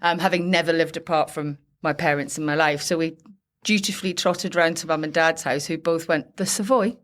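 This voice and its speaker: A woman's voice: low voice, fairly even intonation, fairly quick, fairly bright tone. A woman guest in a casual interview, a chatty storyteller who laughs often. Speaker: guest, theatre executive.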